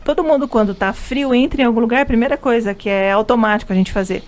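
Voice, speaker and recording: She talks fast, her voice on the high side with a darkish tone. As the pharmacist guest in a live radio interview, this Brazilian woman, accent Brazilian Portuguese, explains health subjects amid frequent restarts and fillers.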